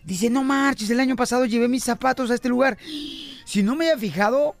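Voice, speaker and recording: A man's voice: extremely high pitch, brisk, creaky. A middle-aged man hosting a comedic radio show, telling jokes and acting out characters. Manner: joke-telling, playful, acts out characters. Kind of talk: comedic morning radio banter.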